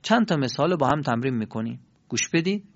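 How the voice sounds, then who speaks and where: In a recorded lesson, a man teaches Quran recitation, demonstrating the sounds slowly and having learners repeat after him. His mid-range voice has lively intonation, and the recording is dull and lo-fi.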